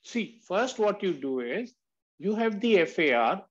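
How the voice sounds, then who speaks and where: High-pitched man, dull call audio. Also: sing-song, unhurried. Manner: emphatic, addresses listeners as sir. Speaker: valuation instructor. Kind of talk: explanatory online lecture with questions and answers. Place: online group video call.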